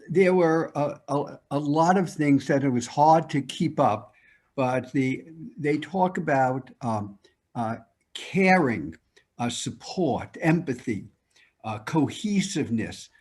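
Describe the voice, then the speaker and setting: A man, a surgeon, speaking haltingly with many pauses and fillers over a video call. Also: mid-range voice, darkish tone. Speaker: pediatric orthopedic surgeon. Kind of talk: online discussion.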